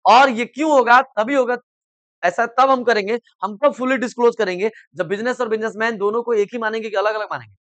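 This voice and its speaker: A middle-aged male teacher lectures in a coaching classroom with a high voice, talking very fast. He explains in simple terms with everyday examples and keeps prodding students to answer whether they follow. The sound is dry and close. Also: a bit bright, no room sound. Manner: repeatedly asks "samajh mein aa raha hai?" and prods students to answer.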